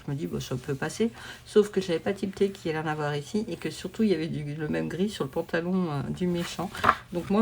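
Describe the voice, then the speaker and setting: At home, a coloring vlogger talks loosely to her camera, drifting between thoughts with lots of fillers, hesitations and restarts. Her voice is a little low and warm, with faint noise underneath.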